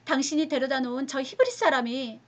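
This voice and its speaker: A woman's voice: high-pitched, lively intonation, brisk, fairly bright tone, muffled recording, voice pushed up. A woman voicing a haughty scheming noblewoman who speaks emphatically in a raised voice. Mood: indignant.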